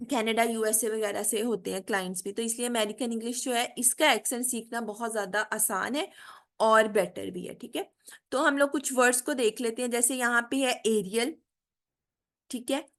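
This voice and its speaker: Hindi-speaking woman teaching English slowly. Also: a little high, a bit bright. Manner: frequent "theek hai?" check-ins and "uh" fillers; slow, careful enunciation of English example words. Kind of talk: online spoken English lecture.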